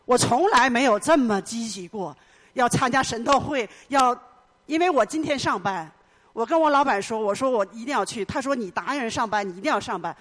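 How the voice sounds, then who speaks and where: A woman's voice: on the high side, expressive, brisk, a bit bright. A middle-aged woman giving an emotional personal testimony in church, telling her story earnestly and with much repetition. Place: church hall.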